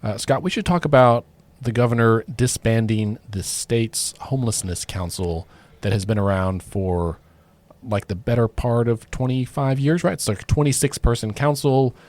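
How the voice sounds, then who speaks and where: A man's voice: mid-range voice, normal speed, darkish tone. A man co-hosting a political podcast, talking casually with lots of fillers and restarts. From Oklahoma. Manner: conversational, many fillers and restarts. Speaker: podcast co-host.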